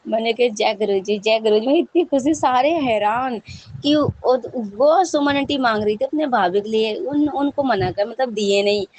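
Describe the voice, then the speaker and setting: A woman tells a congregation about a devotional experience, her voice sitting a little high. She talks in a chatty, fervent way, circling back and repeating herself as she goes. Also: normal speed, darkish tone, low-quality recording. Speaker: devotee sharing a satsang experience.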